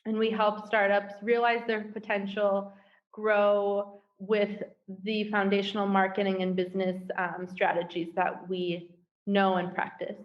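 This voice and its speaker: A woman's voice: medium pitch, level tone, a little slow, dull audio. A woman from the United States, chatty and upbeat, laughing easily as a guest in a casual video-call interview.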